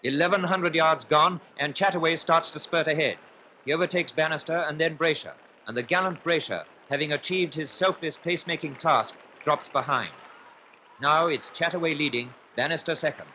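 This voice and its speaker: A man narrates in the manner of an old newsreel, his voice set a little high and sharply bright. He calls the action formally and briskly, pressing harder as the race unfolds. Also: slight background noise, poor audio. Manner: brisk, formal, building excitement in play-by-play. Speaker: newsreel commentator.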